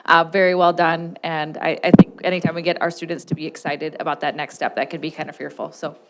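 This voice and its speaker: Woman board member, low voice, halting delivery full of fillers, public meeting. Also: flat delivery, background noise.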